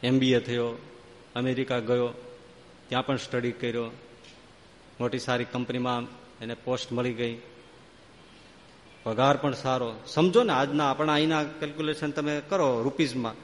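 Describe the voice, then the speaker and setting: Guy giving a sermon, storytelling, middle pitch, echoey hall. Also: moderate pace, long pauses, a little hiss or hum. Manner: lively storytelling with long spoken lists. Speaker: preacher. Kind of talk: Gujarati devotional sermon.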